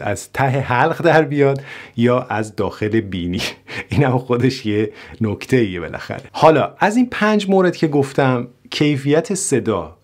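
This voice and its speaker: A man teaching English pronunciation in a video lesson, modeling words clearly and repeating them slowly. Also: medium pitch, darkish tone.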